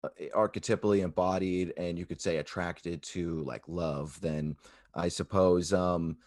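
Deep-voiced man, halting and tentative. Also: steady tone, darkish tone, no echo, clean studio sound. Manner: halting, tentative, searching for words. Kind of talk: casual philosophical discussion.

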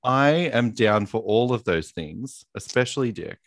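A man's voice: mid-range voice, lively intonation, measured pace, dry recording, clean studio sound. A young man co-hosting a podcast, laughing and teasing his friend in casual banter. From Australia. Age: young adult. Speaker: podcast co-host.

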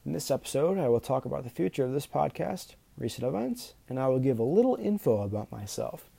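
A man's voice: mid-range voice, very animated, a little fast, gravelly, dark tone, slightly rough, no echo. A man hosting his own podcast, talking off the cuff in a nervous way, stumbling over words, restarting and saying um often. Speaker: podcast host. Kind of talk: unscripted solo podcast talk.

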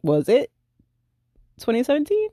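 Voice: high-pitched, huge pitch swings, unhurried, warm tone, no room sound, clean studio sound. A thirty-year-old podcast host talking alone in a casual, rambling way and often stopping to correct themself. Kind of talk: casual solo podcast monologue.

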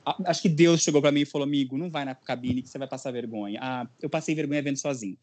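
A young man from Brazil, a podcast host telling a story in casual chat, animated and acting out quotes. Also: medium pitch, rapid-fire.

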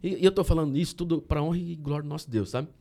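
Fast-talking Brazilian man telling a story. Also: a little high, vocal fry. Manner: animated retelling, keeps saying "cara". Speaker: podcast guest, candy entrepreneur. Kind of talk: casual storytelling.

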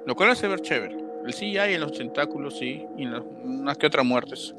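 A man casually retelling a horror film's plot as a podcast co-host, animated, with sound effects and filler words. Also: medium pitch, brisk, music in the background. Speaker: podcast co-host recapping a film. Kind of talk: casual chat.

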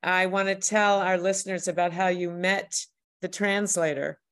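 A woman's voice: fairly low pitch, fairly even intonation, normal speed, fairly bright tone. A woman hosting an interview, enthusiastic and encouraging toward her guest. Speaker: host, workshop leader. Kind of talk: podcast interview.

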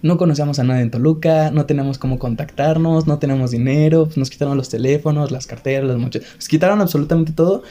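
Fast-talking young Mexican man. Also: a little high. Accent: Mexican Spanish. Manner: animated storytelling with nervous laughs. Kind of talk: casual chat.

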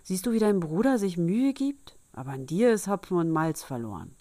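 A woman's voice: lowish voice, sing-song, normal speed, dark tone, no echo. A woman doing a stern, weary old father. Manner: scolding, emphatic.

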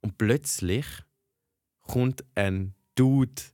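A young man with a Swiss German accent, chatting on a podcast and spinning animated stories. His voice sits at an ordinary pitch and sounds close and dry, with no room around it. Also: very slow, dry recording. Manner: animated, chatty storytelling with laughs. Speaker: podcast co-host. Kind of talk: casual chat.

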